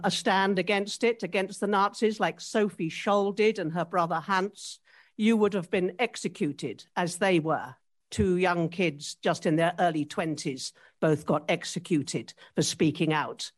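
A woman giving an impassioned, urgent public comment at a county board meeting. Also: medium pitch.

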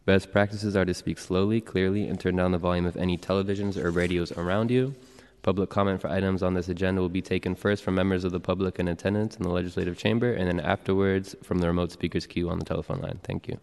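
A man working as a meeting clerk, reading roll calls and announcements in a steady, businesslike way. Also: low voice, fast talker, creaky. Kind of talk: formal public meeting proceedings. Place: large legislative chamber. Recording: long reverb of a large chamber.

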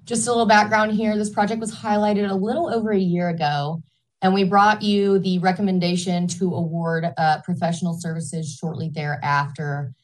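A woman's voice: lowish voice, little pitch movement, normal speed, poor audio. A woman giving a friendly, formal prepared slide presentation as a staff presenter.

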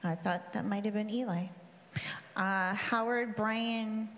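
A woman's voice: medium pitch, steady tone, slow, a bit bright, dull audio. A woman chairing public comment, making informal procedural announcements and calling names. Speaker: meeting chair or clerk calling speakers. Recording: echoey chamber with background noise.

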